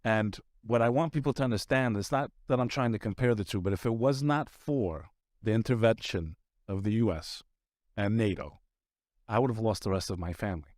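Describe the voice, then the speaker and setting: A man speaking as an interview guest, earnest and halting, filling pauses with "you know". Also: on the low side, darkish tone, no echo, studio quality. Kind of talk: conversational interview talk.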